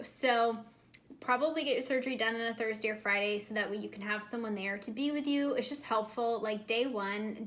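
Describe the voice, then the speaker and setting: A woman's voice: a little high, fairly bright tone. A young American woman chatting casually to camera as a vlog host, giving advice with emphatic repetition, her speech slightly impeded by a swollen mouth. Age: young adult. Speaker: host of a pregnancy-prep vlog.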